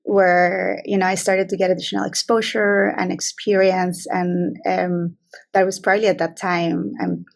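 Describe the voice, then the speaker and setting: Woman, from Peru, 40s, child psychiatrist, flat monotone, gravelly fry, hesitant fillers, video call from office. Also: lowish voice, moderate pace. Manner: hesitant, many fillers and restarts. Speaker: child psychiatrist, grant awardee. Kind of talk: conversational interview answers. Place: small office room, indoors. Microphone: video call webcam.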